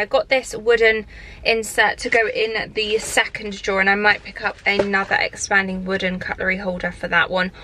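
A woman's voice: medium pitch, sharp tone, slight background noise, low-quality recording. A woman, chatting casually to a handheld camera about her shopping haul. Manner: chatty, rambling, upbeat. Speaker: lifestyle vlogger. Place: parked car, then a bedroom at home. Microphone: camera held at arm's length.

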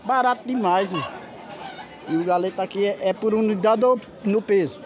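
A vlogger with a high voice walks a street market holding his phone, chatting with vendors and calling out prices at a normal pace. A loud market crowd surrounds him.

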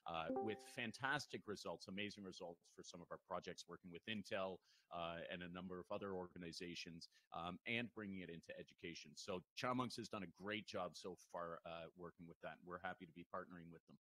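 A man's voice: low-pitched, quick pace, hardly any pauses, bright, forceful tone, rough recording. A man speaking as a guest on a panel over a voice call, talkative and upbeat with plenty of fillers. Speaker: panel guest, company founder. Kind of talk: casual panel chat.

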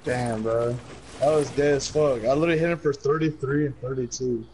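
A man's voice: mid-range voice, steady tone, fairly quick, darkish tone, slight background noise. A young man gaming with friends, laid-back and teasing, swearing often. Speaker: gamer. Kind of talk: casual gaming banter.

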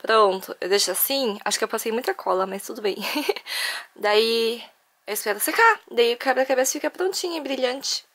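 A young woman from Brazil with a Brazilian Portuguese accent, chatting casually and excitedly to the camera in her bedroom vlog. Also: fairly high pitch, moderate pace, soft background music. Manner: chatty and bubbly, squeals with excitement. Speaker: vlogger.

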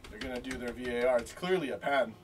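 A man's voice: medium pitch, fast. A young man giving casual watch-along commentary as a football fan. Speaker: football fan reacting to a match. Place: small wood-panelled fan room, away from the camera. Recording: room mic at a distance.

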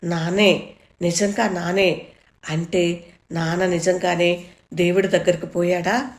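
A woman doing a scared young schoolboy in a storybook reading, raised in pitch and much louder than the telling around him, his cries loud and anguished. The voice stays full and pleading. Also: little pitch movement, slow, roomy sound. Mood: bewildered. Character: frightened young schoolboy calling for his mother.

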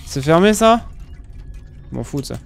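A man's voice: on the high side, sing-song, a little slow, vocal fry, a little hiss or hum. A young man commentating a game casually, swearing and thinking aloud in slang. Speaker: let's play streamer. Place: small room with gaming setup, indoors. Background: game music.

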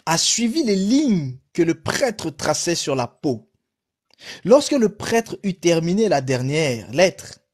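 Man, storyteller, live-stream teacher, slow pace, lively intonation. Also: a little high. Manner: animated, addresses the audience directly. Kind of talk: storytelling read-aloud with asides to viewers.

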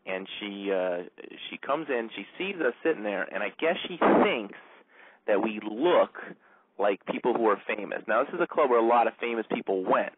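A man's voice: lowish voice, expressive, normal speed, a little hiss or hum. A male radio host casually telling a long, rambling story, with lots of fillers. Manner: rambling, full of "like" and "you know". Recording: narrow phone-like band, dry.

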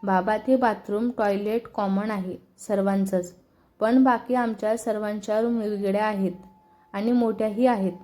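A woman voicing a polite young wife who gently tries to calm a quarrel in a storybook reading. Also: medium pitch, moderate pace, lightly acted. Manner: gentle, soothing.

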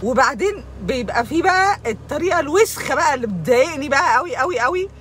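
This young Egyptian video host, speaking with an Egyptian Arabic accent, delivers a comedic emotional rant with bursts of fake crying and English words mixed in. Her voice is high-pitched, animated and fast, with a slightly bright tone and a little hiss or hum in the background.

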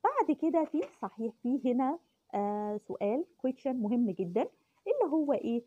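A woman with an Egyptian accent teaching English words to young children, explaining in Arabic and repeating each word slowly many times. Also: fairly high pitch, sing-song, dark tone. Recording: dull lo-fi recording.

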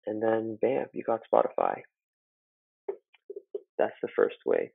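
A student's laid-back screen-recording tutorial on a computer comes through a built-in laptop mic, muffled as if heard through a wall, with no echo. He talks slowly and chattily with many fillers, his lowish, gravelly, breathy voice swooping wildly in pitch.

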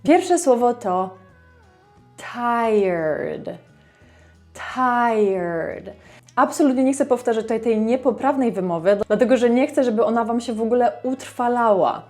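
A woman with a Polish accent teaching English pronunciation, upbeat and encouraging, modeling each word slowly. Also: a little high, warm tone, faint music behind. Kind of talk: pronunciation lesson, modeling words to repeat.

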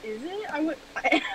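A woman's voice: high-pitched, far from the mic, rough recording. A woman playing a game with a friend on stream, chatting casually and laughing often. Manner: slow and giggly, laughs often. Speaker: co-player on a stream. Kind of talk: casual gaming chat.

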